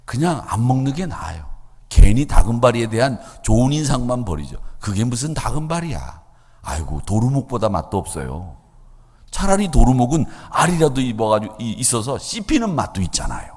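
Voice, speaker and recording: A man's voice: on the high side, long reverb tail. A male pastor preaching a sermon in a church, acting out quoted voices as he tells a story. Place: church sanctuary.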